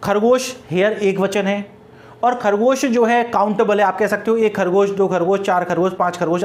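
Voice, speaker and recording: Brief: male grammar teacher, patient and repetitive, asks then answers, dictates examples slowly. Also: sits high. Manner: repeats points, asks and answers his own questions; dictates example sentences word by word. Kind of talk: classroom-style grammar lesson.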